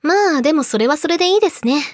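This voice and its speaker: A young woman playing a yandere girlfriend in a role-play audio drama, politely sweet, possessive and menacing, slipping into breathy whispers, close to the mic. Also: high voice, expressive, racing, dry recording. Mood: teasing, domineering. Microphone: close studio mic, dry.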